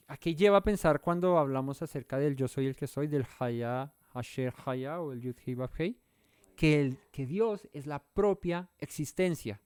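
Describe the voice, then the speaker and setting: A man's voice: a little high, clean tone, dry recording, clean studio sound. A man leading an interactive Bible study, talking in a conversational way and often asking the listeners questions. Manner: conversational, thinks aloud.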